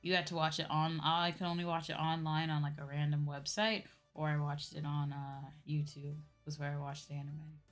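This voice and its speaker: In a low, level voice at a moderate pace with few pauses, a young adult woman VTuber chats casually on her livestream over background music. She often checks in with "right?" and "you know."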